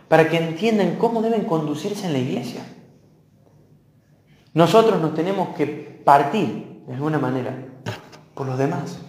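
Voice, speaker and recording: Argentine preacher in an echoey church. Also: male voice. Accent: Argentine Spanish. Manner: emphatic preaching, swinging between hushed solemn lows and loud raised highs. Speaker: pastor. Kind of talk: expository sermon. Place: church hall. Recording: echoey church hall with long reverb.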